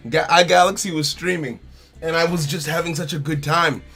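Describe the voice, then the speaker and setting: A man's voice: on the high side, fairly even intonation, a little fast, sharp tone, husky, faint music behind. A man streaming a card game live, chatting casually and greeting viewers by name while repeating his phrases.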